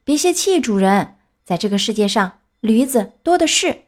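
Storybook role: woman voicing a high, chatty, cheeky wooden puppet boy. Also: expressive, normal speed, darkish tone. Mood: storytelling.

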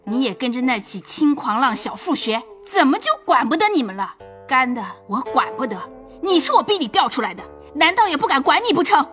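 An actress voicing a coarse, hot-tempered servant mother who yells crude abuse. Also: high-pitched, very animated, moderate pace, few pauses, faint music behind, exaggerated voice. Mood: angry. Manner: loud, crude yelling. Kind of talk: audio drama acting.

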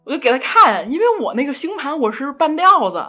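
A young woman guest telling a self-mocking love story in casual chat, animated and laughing often. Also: high-pitched, a little fast, faint music behind. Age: young adult. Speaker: podcast guest.

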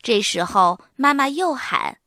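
A woman reads a children's story aloud with clear, expressive narration. Her voice sits fairly high, and the recording is close and completely dry. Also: unhurried, no echo.

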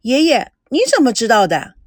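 A woman's voice: on the high side, moderate pace, no room sound, clean studio sound. A woman voicing a spoiled, chatty teenage granddaughter who wheedles and teases. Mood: coaxing playful. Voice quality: bright, coaxing, lively.

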